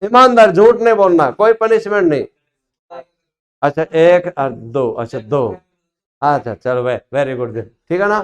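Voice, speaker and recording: Slow high-voiced male teacher. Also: animated. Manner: questioning students, repetitive prompts. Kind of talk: classroom grammar lesson. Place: classroom.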